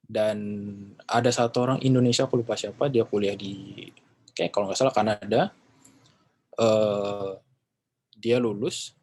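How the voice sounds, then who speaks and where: A man with a fairly low, husky voice teaches in a loose, conversational way. He chats along with the class, using plenty of fillers and casual slang. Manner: chatty, relaxed, frequent fillers and slang. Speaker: English teacher. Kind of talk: casual lesson talk.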